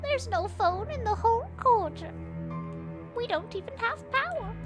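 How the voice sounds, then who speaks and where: Game role, female performer as curt old woman, high voice, condescending drawl, music underneath. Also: animated, measured pace. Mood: curt refusal. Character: cranky, curt old woman refusing a stranger help. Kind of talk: visual novel character reading.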